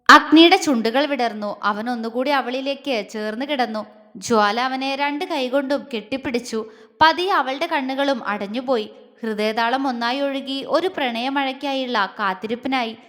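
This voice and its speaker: A woman storyteller reading a serialized romance in a gentle, even manner. Her voice sits high, and a long reverb trails each line. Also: normal speed. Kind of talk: scripted romance narration.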